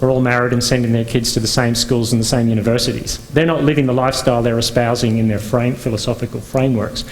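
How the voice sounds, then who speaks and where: A pastor from Northern Ireland gives a conference talk at a conference venue, speaking conversationally with many fillers and restarts. His voice is medium in pitch, and the audio is poor.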